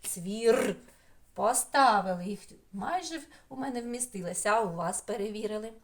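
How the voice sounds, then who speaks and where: A woman teacher from Ukraine giving a remote lesson to small children, talking slowly in a sing-song way and drawing out single sounds. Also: medium pitch. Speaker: preschool teacher.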